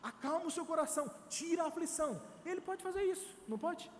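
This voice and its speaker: A man with a Brazilian Portuguese accent, a missionary preaching a sermon to a congregation in a church, animated, acting out quotes and exhorting his listeners. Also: extremely high pitch, quick pace, in a large hall, a little hiss or hum.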